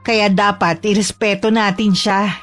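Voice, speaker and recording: A woman voicing a troubled young older sister who speaks calmly and cryptically. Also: mid-range voice, moderate pace, soft background music, lightly acted. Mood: eerie calm. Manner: calm, cryptic and distant.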